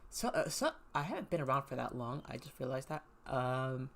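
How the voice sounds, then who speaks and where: A man in his early twenties chatting casually on a livestream, halting and rambling as he corrects himself. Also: medium pitch, big pitch swings, creaky, fairly bright tone, a little hiss or hum. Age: early 20s.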